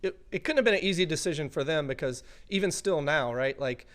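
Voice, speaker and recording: A man as a podcast guest, explaining his work thoughtfully and filling pauses with asides. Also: a little high, lively intonation, fairly bright tone. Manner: thoughtful, explaining with many fillers. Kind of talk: casual interview chat.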